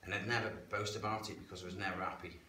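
A low-voiced man races through his life story as a guest, candid, plain-spoken, and chatty with local slang. A far camera records him in a medium-sized indoor church hall, where the sound echoes over a steady background hiss.

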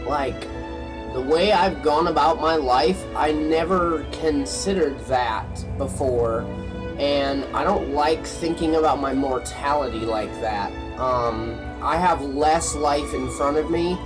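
A man's voice: fairly high pitch, takes it slowly, far from the mic, music in the background, rough recording. Rambling man vlogging from a kiosk. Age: 30s. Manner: rambling, musing, talks to viewers as buddies. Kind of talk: casual solo vlog to camera. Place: small gas station kiosk indoors. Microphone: phone held close at arm's length.

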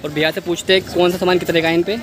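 A young man in his twenties films a market walk-through vlog on a handheld phone at arm's length while strolling a busy outdoor street market. Chatty, he calls viewers "guys" and "brother," asks prices and repeats them, speaking very fast in a high-pitched, level tone. A loud street crowd fills the noisy background.

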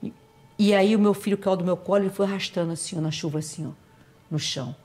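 A woman guest in an interview telling personal stories, emotional and halting, often repeating phrases. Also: medium pitch, a little mellow.

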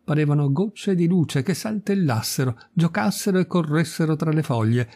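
A man reading a classic short story aloud as an audiobook narrator, in a measured, expressive storytelling manner. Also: a little high. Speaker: audiobook reader.

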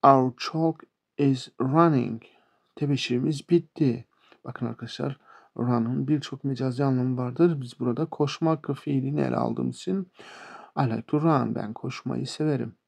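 Gravelly-voiced Turkish man teaching English. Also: mid-range voice, steady tone, warm tone. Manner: slow, repeats words and example sentences. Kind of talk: explaining English verbs to beginners.

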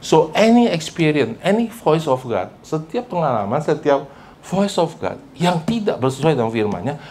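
A man's voice: a little high, big pitch swings, normal speed, darkish tone, a little hiss or hum. Emphatic bilingual preaching man. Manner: mixes Indonesian with English phrases; keeps prompting the congregation for responses. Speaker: pastor. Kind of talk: sermon. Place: church service before a congregation.

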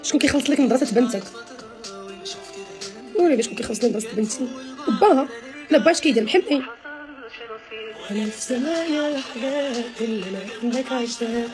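A fast-talking woman in her thirties with a high voice and a Moroccan Arabic accent chats animatedly on a phone live stream, leaving long pauses. The social media personality is emphatic and gestures a lot in a small room, phone at arm's length. Music plays behind her and the recording is rough.

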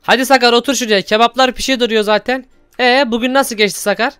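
Fast, exasperated man hosting a game. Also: very high-pitched, fairly even intonation, bright, forceful tone, clean tone, dry recording, studio quality. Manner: exasperated, scolding, theatrical. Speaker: gaming youtuber host. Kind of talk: Minecraft role-play narration.

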